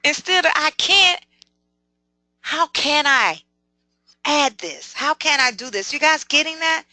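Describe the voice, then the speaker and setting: A woman's voice: sits high, sharp tone, dry recording. A woman giving a live motivational talk, speaking emphatically and asking her audience many rhetorical questions.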